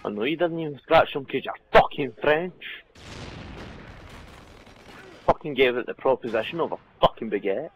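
A man's voice: mid-range voice, normal speed, pauses often, a little hiss or hum, rough recording. A man chatting casually while playing a video game, joking and swearing a lot. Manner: joking, crude, excitable. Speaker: gamer. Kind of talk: casual gaming chat.

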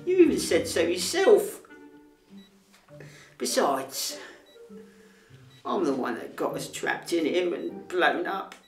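Film drama: male actor as hapless British robber, slow-paced and self-pitying, off-mic with music behind. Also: sits high, wildly swooping pitch, creaky, full character voice. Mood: self-pitying, glum. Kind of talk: naturalistic film acting. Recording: roomy distant film sound with music.

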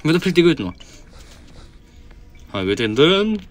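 A man's voice: fairly high pitch, very animated, soft background music. A man giving playful Let's Play commentary, narrating the character's thoughts in jokey asides. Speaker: game commentator.

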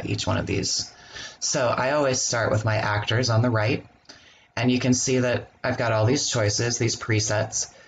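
A man hosting a screen-recorded software walkthrough, explaining each step in a relaxed way with the odd um. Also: on the low side, slight background noise. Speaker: software tutorial host.

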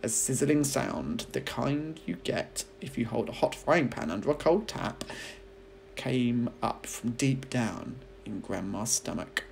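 A man, a teacher reading a children's audiobook aloud as an expressive storyteller. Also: medium pitch, measured pace, creaky, a little hiss or hum, rough recording.

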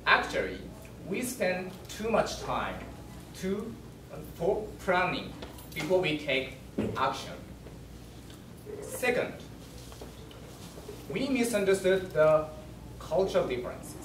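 A young man with a Japanese accent, a non-native English speaker, giving a project presentation in an animated, laughing storytelling manner. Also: high voice. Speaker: student presenter. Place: presentation room. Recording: echoey room, distant mic, noisy.

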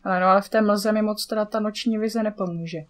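A woman's voice: medium pitch, fairly even intonation. Czech woman gamer, casual let's-play chatter, mutters and swears at the screen.

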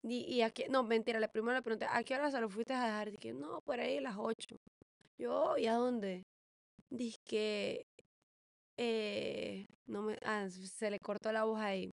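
A woman chats as a podcast co-host, telling her story with quoted back-and-forth and a few English words mixed in. Her voice runs a little high with a gravelly fry. It is recorded close and dry. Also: fairly even intonation, normal speed, no echo. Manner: chatty, mixes in English words, quotes dialogue dramatically. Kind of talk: casual chat.

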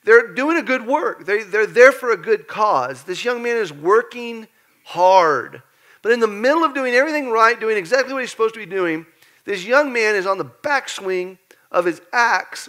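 A man preaching to his church in a loose, conversational style, animated and playful. His voice sits high for a man and has a bright, forward edge. He tells the story like a storyteller and jokes along the way. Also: moderate pace. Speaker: pastor. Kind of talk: lively conversational sermon. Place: church sanctuary.

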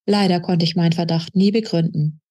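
A woman reading the lines of a calm, fatherly male official who speaks kindly and gently admonishes, in a husky voice. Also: lowish voice, brisk, lightly acted.

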